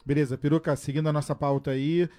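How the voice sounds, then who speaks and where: A man hosting a radio talk show, briskly moving through the agenda and handing over to his co-host. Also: on the high side, flat delivery, mellow. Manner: brisk, moves the show along.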